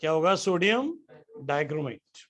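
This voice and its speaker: A man lectures a chemistry class, his voice sitting a little high for a man. He keeps tossing questions to the room and then answering them himself. When he reaches a formula, he spells it out one letter at a time. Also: expressive, moderate pace, fairly bright tone. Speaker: chemistry teacher.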